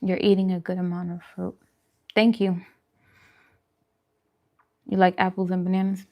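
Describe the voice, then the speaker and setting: On a lo-fi recording, a woman speaks in a lowish, flat voice at a moderate pace. She hosts a vegan mukbang, chatting casually on a livestream as she answers viewers. Her food opinions come across as emphatic, with repeated phrases for emphasis.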